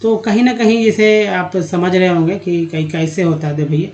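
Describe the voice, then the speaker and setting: A man's voice: high-pitched, fairly even intonation, a little mellow, poor audio. Give me a male teacher who sounds out words syllable by syllable. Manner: reads word lists aloud slowly, syllable by syllable. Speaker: English teacher. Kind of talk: slow word-by-word reading lesson.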